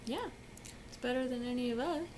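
A woman's voice: sits high, a little fast, darkish tone. A woman chatting casually beside her partner in a home vlog, with brief dry interjections. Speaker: vlog co-host. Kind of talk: casual chat. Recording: noisy home recording.

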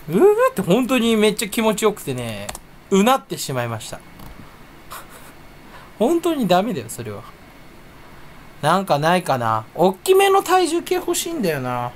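A young man rambles through a solo stream at his computer, half talking to himself and teasing himself about how forgetful he is. His pitch swings widely and playfully from line to line. A faint background hum sits under his voice. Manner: rambling, self-mocking, mumbles to himself. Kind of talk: casual solo chat while browsing online.

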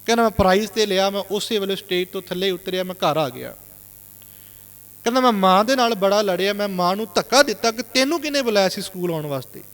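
A man's voice: high voice, a little fast, fairly bright tone, smooth, big-room sound. A Sikh preacher telling a moral story in an earnest sermon, repeatedly inserting "he said.".

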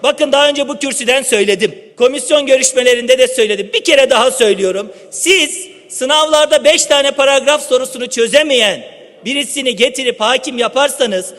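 A man's voice: very high-pitched, fairly quick, a bit bright. A man, a politician, giving an emphatic speech at a podium microphone in a large chamber, repeatedly addressing the room. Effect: speaking at a podium microphone. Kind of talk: parliamentary floor speech. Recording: long hall reverb.

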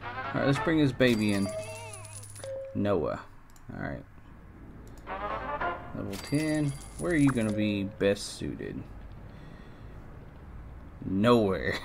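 A man giving casual let's-play commentary, chatting to his game characters and breaking into excited outbursts. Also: lowish voice, takes it slowly, creaky, long pauses. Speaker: gameplay streamer. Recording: faint game music behind.

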